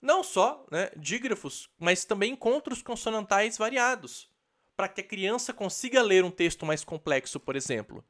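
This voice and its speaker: A male teacher gives a lively, explanatory online lesson on teaching children to read. His pitch swings widely as he sounds out letters one by one and pauses to check in with his students. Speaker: literacy teacher.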